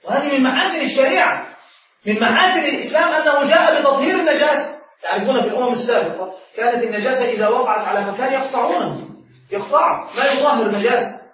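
A sheikh with a very high voice lectures at a brisk clip, putting questions to his class and then answering them. He is picked up from a distance in a very echoey room. The sound is dull and lo-fi, with faint noise underneath. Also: a crowd in the background.

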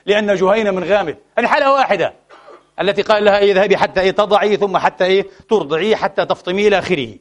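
A man with a high-pitched voice gives a fervent Friday sermon, calling his audience brothers. His delivery swings from gentle to loud, and he comes across as saddened and frustrated.

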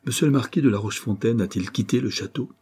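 A man's voice: medium pitch, quick pace, darkish tone, breathy edge. A man voicing a distraught young woman, a grieving banker's daughter, in a pleading, emphatic audiobook reading. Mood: urgent.

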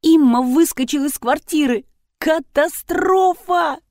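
A woman voicing an excitable older woman who dotes on her cat, pitched high and shrill. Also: moderate pace, dry recording, studio quality. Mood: panicked. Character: frantic older woman, doting cat owner.

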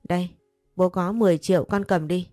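A woman voicing a kind, patient father who talks gently and reassuringly with his daughter. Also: on the low side, steady tone, fairly quick, no echo, clean studio sound, faint music behind, natural voice. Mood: gentle.

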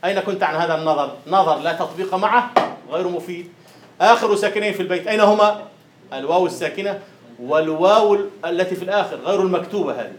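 Male lecturer, slightly high voice, drills students on meter in an echoing room. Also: quick pace, a little hiss or hum. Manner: questions students and chants rhythm syllables. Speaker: university lecturer. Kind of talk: classroom lecture on poetic meter. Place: classroom. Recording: roomy classroom echo.

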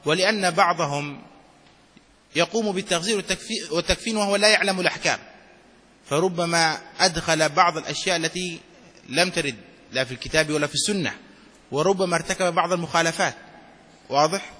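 Sheikh teaching a class: bright, slightly husky man's voice, reads then explains, reverb from a hall. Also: a little high, quick pace, long pauses. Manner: reads text aloud then explains, checks students often. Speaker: sheikh teaching Islamic law. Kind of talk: classroom lecture on a fiqh text.

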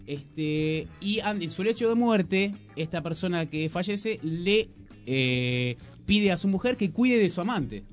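An Argentine man reviewing new films on a radio show, relaxed and full of hesitant fillers. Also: high voice, takes it slowly, faint music behind. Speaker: film critic on a radio show.

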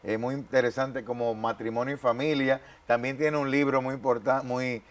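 A man's voice: mid-range voice, level tone, moderate pace. A man hosting a television interview on a faith program, speaking formally with thanks and greetings.

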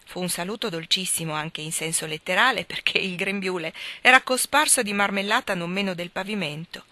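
A woman reads a classic novel aloud in an audiobook style, telling the story in an expressive, measured way. Her voice is bright and clear. She is recorded on a close mic in a dry, dead room. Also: fairly low pitch, no echo. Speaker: reader.

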